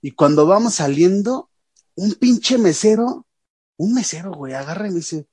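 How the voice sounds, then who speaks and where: A man's voice: high-pitched, normal speed, slightly rough, dry recording, clean studio sound. A man with a Mexican accent, a podcast co-host chatting casually and telling a story full of slang. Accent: Mexican Spanish. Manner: animated storyteller, heavy slang, acts out quotes. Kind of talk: casual chat, reading listener questions.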